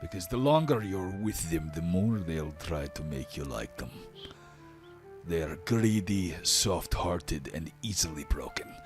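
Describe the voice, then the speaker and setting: Man doing a booming rough barbarian father. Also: lively intonation, measured pace, soft background music. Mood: ranting. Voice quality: loud and rough. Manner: booming, bitter, emphatic. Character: stern gruff barbarian father, ranting, hateful.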